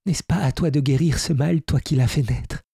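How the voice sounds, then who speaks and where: Male reader doing a raised, ageless storybook fairy woman, insistent and reproachful, husky edge, dry close sound. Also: a little high, normal speed, dark tone, no room sound, voice pushed up, exaggerated voice. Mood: pleading. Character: ageless female fairy, proud and pleading. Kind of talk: audiobook character reading.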